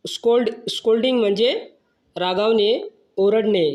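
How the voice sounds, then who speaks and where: A teacher giving a slow vocabulary lesson, spelling each word letter by letter and then giving its meaning. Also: mid-range voice, steady tone, a little mellow.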